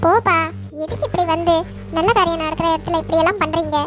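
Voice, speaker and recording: A woman's voice: very high-pitched, fairly even intonation, fast talker, over music. A woman voicing a scheming aunt in a Tamil cartoon, talking in a bossy, scolding way.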